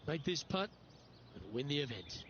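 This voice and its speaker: A man doing play-by-play golf commentary in measured, clipped phrases. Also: a little high, very animated, lo-fi sound, background noise. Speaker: lead golf commentator in a video game.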